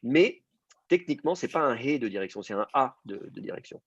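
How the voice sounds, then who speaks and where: A man's voice: medium pitch, lively intonation, a little fast, breathy edge, no room sound, muffled recording. A man teaching an online class, explaining patiently with many fillers and restarts. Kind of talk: online class on biblical Hebrew.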